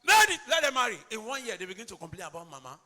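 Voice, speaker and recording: A male pastor preaching a sermon emphatically, swinging between loud declarations and low asides. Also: big pitch swings, rapid-fire, in a large hall.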